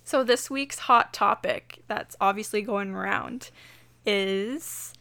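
A woman's voice: medium pitch, slow pace, creaky, bright, forceful tone. A woman co-hosting a casual podcast, hesitant with many fillers and frequent giggles. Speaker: podcast co-host. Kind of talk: casual chat.

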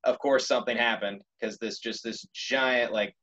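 A young man telling a story in casual conversation, animated and laughing often. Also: medium pitch, normal speed, muffled recording.

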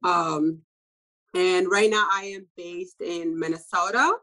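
Soft-spoken woman from Ethiopia, laughing often. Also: fairly low pitch, steady tone, slow pace, poor audio. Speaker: fashion designer guest. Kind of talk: casual interview answers.

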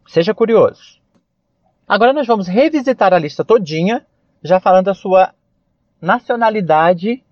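A Brazilian man teaching English vocabulary on a podcast, spelling words out letter by letter and repeating slow model pronunciations. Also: high voice, a little mellow, dry recording. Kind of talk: podcast language lesson. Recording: dull lo-fi dry recording.

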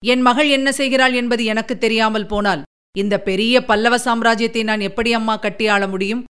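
A woman voicing a calm, patient emperor speaking gently to his daughter. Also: fairly high pitch, normal speed, clear, resonant tone, lightly acted. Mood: gentle. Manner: gentle, soothing, reasoning.

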